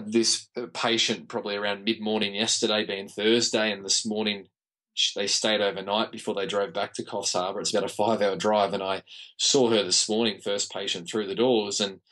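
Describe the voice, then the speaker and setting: Low, croaky Australian man. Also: bright, forceful tone, low-quality recording. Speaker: podcast guest, running physiotherapist. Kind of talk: conversational explanation in an interview.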